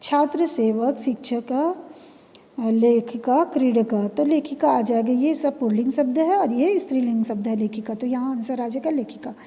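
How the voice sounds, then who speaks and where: A patient woman teacher with a fairly high, mellow voice walks through exercise answers step by step, repeating key words as she goes. The recording carries a long reverb. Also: normal speed. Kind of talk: classroom lesson explaining exercise answers. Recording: long reverb, room echo.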